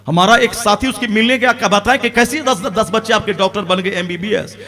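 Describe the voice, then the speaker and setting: A man preaching an impassioned sermon as an Islamic preacher, rising to loud emphatic peaks. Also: high voice, a little fast.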